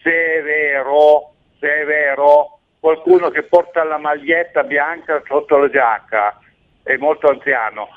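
A man's voice: a little high, steady tone, unhurried. A man calling in to a radio talk show, speaking in an agitated, rambling, insistent way. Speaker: radio caller. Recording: tinny phone line.

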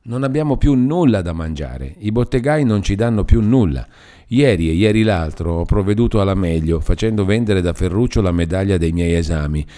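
A man's voice: low voice, lively intonation, a little fast, warm tone. A man voicing a timid young woman who pleads with her uncle, close to tears, in an audiobook reading. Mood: tearful, pleading. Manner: trembling, on the edge of tears.

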